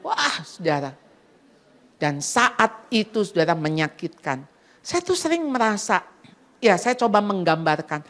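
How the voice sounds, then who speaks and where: At a crowded Christmas gathering in a church hall, a middle-aged woman from women's ministry delivers a sermon without hurrying. She calls the audience "saudara", sprinkles in English, and acts out quoted inner voices and prayers with wide, animated pitch swings.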